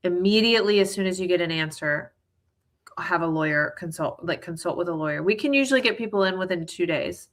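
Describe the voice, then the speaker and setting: A woman's voice: on the low side, fairly quick, fairly bright tone. A woman immigration lawyer answering viewer questions in a casual, explanatory way, with many fillers and a reassuring tone. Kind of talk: live viewer Q&A.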